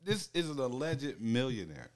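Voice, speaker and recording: Man, laid-back podcast co-host, casual chat, short remarks, very lively pitch. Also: normal speed.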